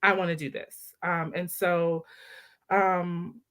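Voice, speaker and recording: Joining over a laptop video call, a woman in her thirties from the Baltimore area of Maryland, a maternal health director, tells her story in a casual interview chat, animated and laughing. Her voice is fairly low and fairly bright, level in tone, and slow.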